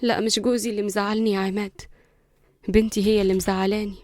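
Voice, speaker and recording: A woman's voice: medium pitch, flat delivery, fast, darkish tone, no room sound, lightly acted. A woman with an Egyptian Arabic accent voicing a troubled middle-aged mother complaining about her daughter.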